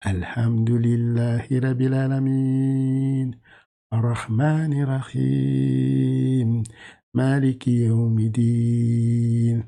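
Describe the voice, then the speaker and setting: A middle-aged man, not a native French speaker, teaches Quran reading in a chatty, informal style. He laughs often and stretches out syllables in slow drills. His medium-pitched voice is gravelly and warm.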